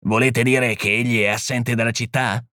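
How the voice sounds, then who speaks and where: A man's voice: medium pitch, fairly even intonation, moderate pace, bright, forceful tone, no echo, clean studio sound, natural voice. A man reading the part of a proud, impatient criminologist who talks brusquely and with scorn. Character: proud, impatient middle-aged male criminologist. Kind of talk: audiobook reading.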